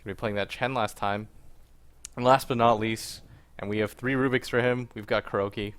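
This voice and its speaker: A man hosts an esports broadcast desk and introduces a team's lineup. He talks in a laid-back, casual way and sounds a bit tired. His voice is smooth and resonant. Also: fairly low pitch, fairly even intonation, a little fast, fairly bright tone. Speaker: desk host.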